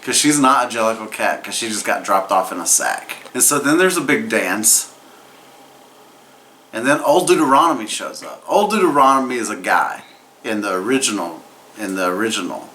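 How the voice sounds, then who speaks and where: A man's voice: fairly low pitch, lively intonation, moderate pace, pushed and bright, slight background noise, rough recording. A man giving a casual, profane comedic film recap while tipsy and getting drunker, rambling and prone to giggles. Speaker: movie reviewer.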